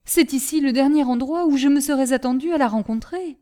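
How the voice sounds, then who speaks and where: A woman's voice: sits high, fairly quick, warm tone, pitched above the performer's own voice, lightly acted. A woman voicing an emotional young male lieutenant who pleads in an agitated, tearful way. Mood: anguished.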